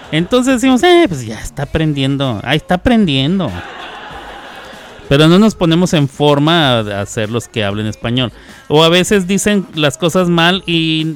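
Chatty radio host man. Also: a little high. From Mexico. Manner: chatty, joking, reads listener messages aloud. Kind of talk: casual radio talk.

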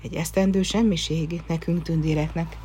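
A soft-spoken fairy deer woman from a storybook, read out by a storyteller. She speaks calmly and kindly, explaining herself to a devoted young man. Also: mid-range voice, breathy edge. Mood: gentle. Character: gentle female fairy in the shape of a blue deer.

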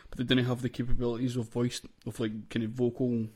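A man's voice: medium pitch, level tone, fast talker, a little mellow, slightly rough. A Scottish man hosting in casual chat, informal and given to swearing. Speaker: host of a hip hop review show.

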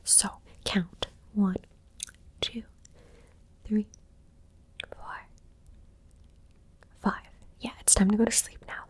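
A woman speaking almost entirely in a hushed whisper, her voice sitting at an ordinary middle pitch for a woman. She talks in the slow, close manner of an ASMR roleplay, soft and teasing, and gently bossy as she gives orders. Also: steady tone. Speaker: ASMR creator.

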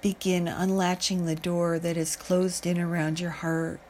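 A woman guiding a meditation, speaking in a calm, soothing way with long pauses. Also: on the low side, slight background noise. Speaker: meditation guide. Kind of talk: guided meditation narration.

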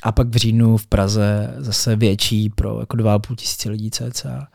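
A man's voice: lowish voice, creaky, no room sound, studio quality. A man, an event organizer and DJ, telling stories animatedly in a casual podcast chat, dropping English words into his speech. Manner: animated storyteller, colloquial with English loanwords.

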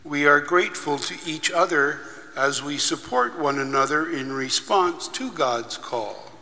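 A man leading a solemn church blessing in measured, deliberate phrases, his voice ringing in a long cathedral echo. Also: fairly high pitch, pushed and bright, slight background noise. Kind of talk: solemn liturgical prayer. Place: large reverberant church.

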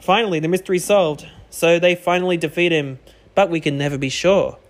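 A man's voice: on the high side, steady tone, fairly quick. Joking man co-hosting a film podcast. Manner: joking, swears casually. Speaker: podcast co-host. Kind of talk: casual film recap chat.

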